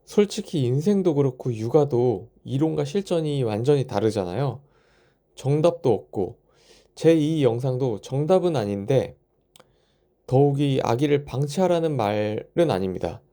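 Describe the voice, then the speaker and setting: A young man with a dark, mellow voice narrates a parenting vlog as a new father. He speaks in a reflective, personal storytelling style. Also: medium pitch, lively intonation, moderate pace.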